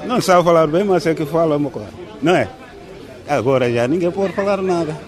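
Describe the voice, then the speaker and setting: A man's voice: on the high side, brisk. A man, a bicycle repairer answering street interview questions plainly, often asking "não é?". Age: 60s. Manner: plain-spoken, repetitive, often asks "não é?". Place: busy outdoor market. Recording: loud market crowd behind.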